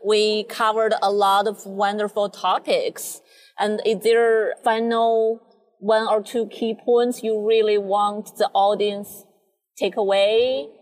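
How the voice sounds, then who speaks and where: A woman's voice: mid-range voice, flat delivery, slow. A woman who works in a psychology clinic, interviewing a guest casually and filling her speech with "like" and "uh". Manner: lots of "like" and "uh" fillers.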